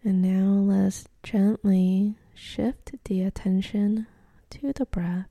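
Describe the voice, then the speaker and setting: A woman leads a meditation slowly and gently, with long pauses, in a soft, breathy, mid-range voice that often nears a whisper and creaks a little at the edges. Her delivery is flat and soothing throughout, and the recording is close and dry with no echo.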